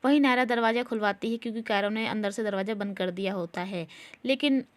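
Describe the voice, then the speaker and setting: A woman's voice: mid-range voice, quick pace. Woman retelling a serial episode. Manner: storytelling, retelling scenes in plain everyday words. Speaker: TV serial recap narrator. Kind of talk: casual spoken episode recap.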